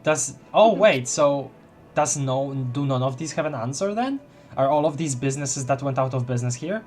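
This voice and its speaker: A man with a mid-pitched voice gives casual live game commentary. He is reactive and halting as he reads text and thinks aloud, with faint music behind him. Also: animated, a little mellow. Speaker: game streamer.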